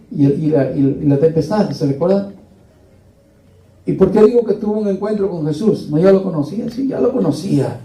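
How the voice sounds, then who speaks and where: A man's voice: a little high, mellow. Male preacher, sermon delivery, rhetorical questions to the brothers; distant mic in a roomy, echoing church. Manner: rhetorical questions to the congregation, addresses listeners as brothers. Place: church hall. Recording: echoey room, distant mic.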